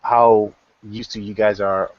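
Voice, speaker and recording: A man's voice: lowish voice, level tone, unhurried, no room sound, highs cut off. A man narrating a tabletop game as game master, rambling with many restarts.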